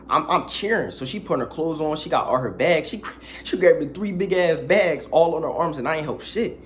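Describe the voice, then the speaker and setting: A man's voice: a little high, a little hiss or hum. A young man telling a crude, slangy story in a casual storytime vlog, with dramatic asides.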